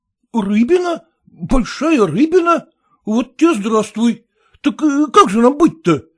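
A man reading a story aloud, voicing a flustered middle-aged gentleman, a husband with a blustering, bewildered manner. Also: very high voice, sing-song, slow pace, husky, heavily acted. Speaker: character in a read story.

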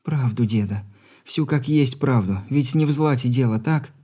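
A man's voice: mid-range voice, moderate pace, warm tone, breathy edge, voice pushed up, close to an everyday voice. A man reading an audiobook, voicing a confident young granddaughter in a firm whisper. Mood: firm, pleading.

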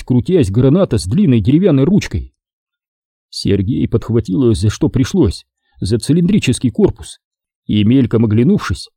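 A male narrator reads a war story with dramatic, expressive delivery. His voice is very dark and husky, and his pitch moves a lot. The recording is dry and close, with no room sound. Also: no room sound. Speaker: audiobook narrator. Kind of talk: scripted narration.

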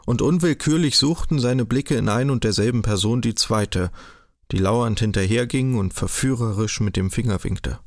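A man reading a literary audiobook in a measured, even storytelling manner, close to the mic. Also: mid-range voice, dry recording. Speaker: audiobook narrator.

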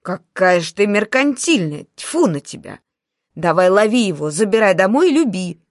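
A woman reading an audiobook voices a blustering, jokey middle-aged male boss who talks gruffly with slow, bossy emphasis. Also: mid-range voice, very animated, dry recording, clean studio sound, close to an everyday voice. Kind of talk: audiobook character voice.

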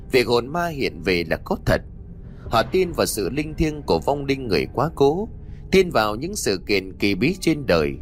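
Expressive male ghost story narrator. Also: medium pitch. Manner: dramatic, expressive delivery.

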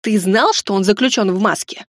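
A woman voicing a flustered, frightened young noblewoman who speaks in high, anxious exclamations. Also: animated, normal speed, dry recording, studio quality.

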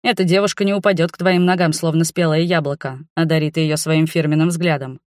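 A reader playing a calm young water mage in a fantasy storybook, giving even-tempered, faintly mocking advice. The voice sits mid-range and is read close to the mic in a dry space. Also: medium pitch, fairly quick, dry recording, close to an everyday voice. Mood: advising. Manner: even, teasing, advising.

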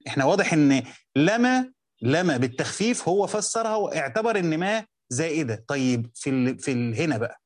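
A man with an Egyptian accent teaching a class on Quranic commentary. He explains step by step, repeats words and reads quoted text slowly. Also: on the high side, very animated, no echo, studio quality. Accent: Egyptian Arabic. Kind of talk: classroom lecture with text reading.

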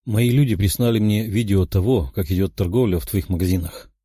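A man's voice: lowish voice, fairly quick, dark tone, slightly rough, no room sound, studio quality. A man voicing a courteous young nobleman. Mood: earnest. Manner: formal, courteous.

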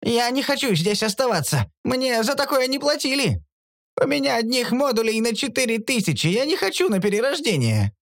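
A cowardly mercenary whimpers and shrieks in a high, wavering voice, as a man puts him on. His pitch leaps up and down. The recording is dry and close. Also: sing-song, a little fast, a bit bright, no room sound, heavily acted. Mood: whining panic. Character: whining cowardly male mercenary tech.

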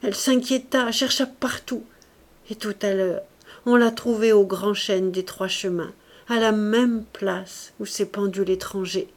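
A woman reading a classic novel aloud in measured, expressive scripted narration. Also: medium pitch. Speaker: audiobook reader.

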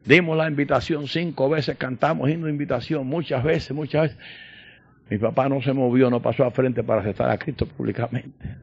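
A man preaching a sermon, swinging between loud emphatic proclamation and quiet personal storytelling. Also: medium pitch, fairly even intonation, fairly quick, creaky, slightly rough, no room sound. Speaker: pastor. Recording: dull lo-fi sound.

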